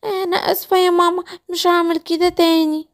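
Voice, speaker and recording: A high, whining little girl calf from a children's cartoon, pleading and refusing in Egyptian Arabic, as a woman puts her on. She has a childish voice that sits well above an ordinary speaking pitch. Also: flat delivery, fast talker. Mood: worried.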